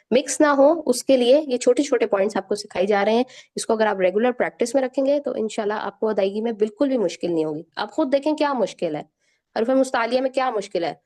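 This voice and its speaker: In an online lesson, a woman with a Pakistani Urdu accent teaches Quran recitation, patiently drilling each letter sound slowly and repeating it. Her voice is a little high with a darkish tone.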